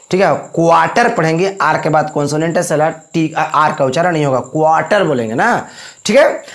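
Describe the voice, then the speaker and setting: A man's voice: high-pitched, fairly bright tone. A man teaching a spoken English lesson in Hindi. He explains step by step, repeats points and keeps checking in with his students. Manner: repetitive, explaining with frequent check-ins.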